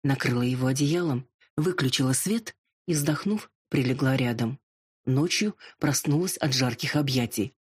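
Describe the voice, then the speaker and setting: Husky audiobook narrator. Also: medium pitch, moderate pace. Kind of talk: first-person scripted narration.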